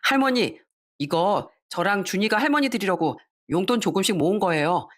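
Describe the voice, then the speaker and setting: A woman's voice: medium pitch, animated, normal speed, close to an everyday voice. A woman voicing a polite young grandson, speaking earnestly and respectfully.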